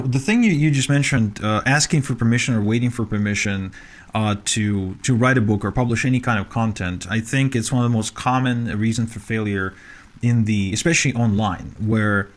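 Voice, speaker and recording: A man from Ukraine, a guest in an interview, talking earnestly about his work with frequent fillers and restarts. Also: mid-range voice. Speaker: podcast guest, author. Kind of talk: conversational interview.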